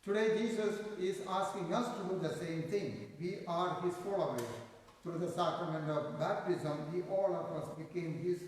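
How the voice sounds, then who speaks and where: A man speaking as a priest at Mass in a solemn, measured way, his voice carrying in a cathedral echo. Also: sits high, fairly even intonation. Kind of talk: liturgical reading and homily. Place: large echoing church. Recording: cathedral echo, long reverb, distant microphone.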